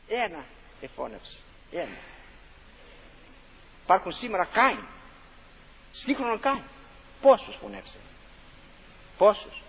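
A man's voice: extremely high pitch, fairly bright tone, slightly rough. A man preaching a fervent sermon, repeating his phrases for emphasis and asking rhetorical questions. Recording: dull lo-fi recording with long hall reverb.

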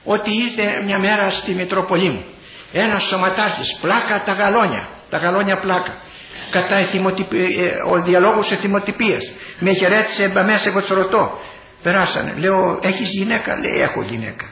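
A man's voice: high-pitched, steady tone, bright, forceful tone, a little hiss or hum. An older man, a bishop, giving a fiery sermon-style speech, exclaiming and repeating his phrases. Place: large hall. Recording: dull echoey hall recording.

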